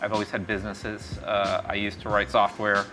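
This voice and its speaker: In this low-quality recording, a middle-aged man talks over background music at a moderate pace, his fairly low voice staying monotone. He's a startup founder and CEO, born in Mexico and raised in East Texas, giving a casual, rambling interview full of fillers and restarts in a small café beside a street window.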